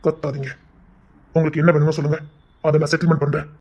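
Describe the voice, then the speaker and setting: A man's voice: fairly high pitch, level tone, fast talker, noisy background, close to an everyday voice. A man voicing a domineering young man from a gangster family who insists on marrying a girl. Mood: insistent. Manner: commanding, insistent. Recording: dull lo-fi audio.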